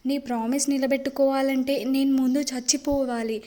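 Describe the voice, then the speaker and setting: A woman's voice: high-pitched, level tone, normal speed, warm tone, close to an everyday voice. A woman voicing a tearful, pleading young wife. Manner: sobbing, pleading delivery. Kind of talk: audiobook character reading.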